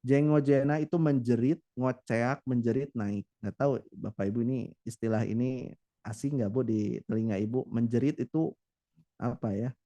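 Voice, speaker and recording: Speaking at normal speed in a warm, mid-range voice, a man leads a Quran recitation class. His manner is chatty, he frequently addresses his students directly, and he sings demonstrations as he teaches.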